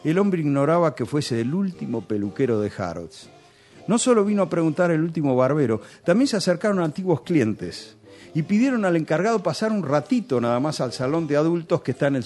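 A man's voice: on the high side, big pitch swings, brisk, darkish tone, soft background music. A man with a Rioplatense Spanish accent telling nostalgic, chatty stories on a radio show. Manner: nostalgic, chatty storytelling with local slang.

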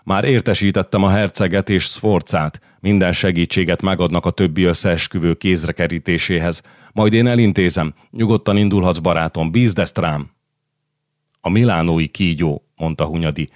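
A very low-voiced male audiobook narrator reads a historical novel aloud from a script, keeping his storytelling measured and even. The sound is dry and close, with no room sound at all.

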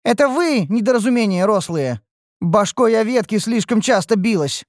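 A man's voice: high-pitched, animated, moderate pace, no echo, studio quality, voice pushed up. A man voicing a hot-tempered, foul-mouthed cat-girl who meows in an audiobook. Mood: furious. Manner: rude, snarling, meowing.

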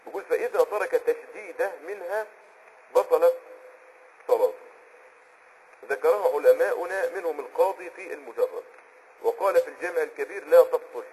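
Very husky Egyptian man teaching. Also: on the high side, animated, warm tone, poor audio. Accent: Egyptian Arabic. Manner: conversational, often pauses on a filler word while hunting for a term; checks on the listener with quick asides. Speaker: Islamic jurisprudence teacher. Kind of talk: explanatory lesson on a text.

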